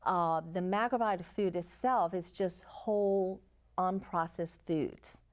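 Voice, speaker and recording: Older woman from Chile, low-pitched, calm interview guest. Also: slow. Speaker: health counselor guest. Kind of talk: interview answers.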